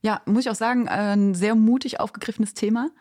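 A woman from Belgium, a guest on a podcast, talking casually in a chatty, lively way with lots of fillers and laughs. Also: fairly high pitch, brisk. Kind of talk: casual chat.

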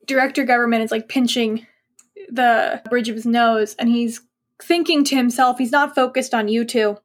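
A woman narrates a tabletop game as its game master. She is chatty, gropes for words and laughs easily, all in a high voice. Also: steady tone, moderate pace.

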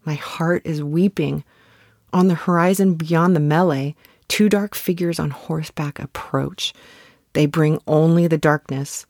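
Woman playing a low, slow, sorrowful prophetess. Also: a little mellow, dry recording, studio quality. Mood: sorrowful, ominous. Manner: grave, measured, portentous. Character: solemn, sorrowful prophetess nun foretelling doom. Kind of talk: dramatic audio drama monologue.

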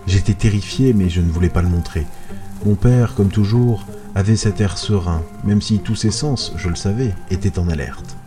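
A man narrating a first-person horror story in a hushed, suspenseful way. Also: deep voice, normal speed, music in the background.

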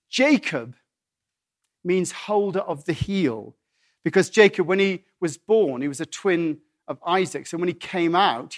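High-voiced man giving a chatty sermon. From England. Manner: conversational, digressive, with restarts and asides. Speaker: pastor.

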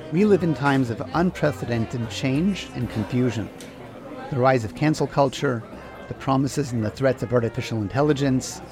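A man hosting a podcast, explaining ideas in an earnest, steady lecture style. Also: medium pitch. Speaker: podcast host.

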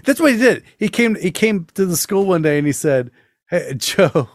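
On a dry recording, a man hosting a podcast tells spooky stories and casual anecdotes into a close mic. His voice sits high with big swings in pitch, and he talks at a normal speed.

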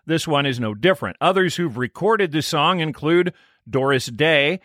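Bright-voiced male podcast co-host. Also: a little high, animated, normal speed, dry recording, studio quality. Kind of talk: casual episode recap.

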